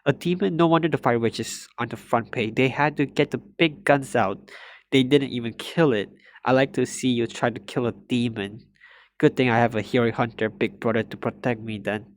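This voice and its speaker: A man's voice: medium pitch, steady tone, moderate pace. A man reading a visual novel's dialogue and news scenes aloud in a playthrough, stiffly, with frequent stumbles and restarts. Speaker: gaming channel host.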